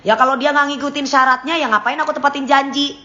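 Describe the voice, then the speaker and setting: Fairly high-voiced woman, blunt and preachy, chatting to fans on a stream. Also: steady tone, fast talker, pushed and bright, muffled recording. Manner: blunt, lecturing, gives examples, drifts between topics. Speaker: singer talking to her followers. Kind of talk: casual live-stream chat.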